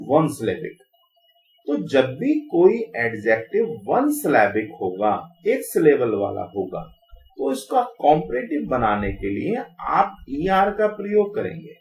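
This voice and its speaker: A man's voice: a little high, reverberant, poor audio. A man giving an exam-prep grammar lesson, repeating key points as questions to his viewers and joking with his students. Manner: teasing, casual asides to students. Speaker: teacher.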